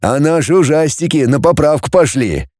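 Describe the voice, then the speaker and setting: A man's voice: fairly high pitch, lively intonation, moderate pace, darkish tone, no echo, studio quality. A man voicing a cheerful, boastful young male medic in an audiobook story. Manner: chatty, boastful.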